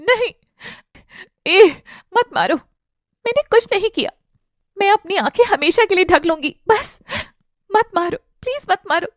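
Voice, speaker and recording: Woman playing a terrified young wife, crying, pleading, high strained voice, dry sound. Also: very animated, a little slow, no echo, heavily acted. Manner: stammering, begging, crying out. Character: frightened abused young wife, pleading and sobbing.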